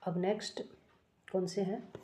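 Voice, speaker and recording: Woman teacher going over grammar for exams, soft warm voice, keeps asking then answering her own questions. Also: mid-range voice, fairly even intonation, unhurried. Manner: corrects herself often mid-sentence. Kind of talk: exam-prep grammar lesson.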